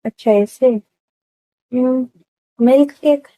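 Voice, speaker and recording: A woman voicing an easygoing, teasing woman of thirty, with a hoarse throat. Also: sits high, slow, mellow, no echo, rough recording. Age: 30s.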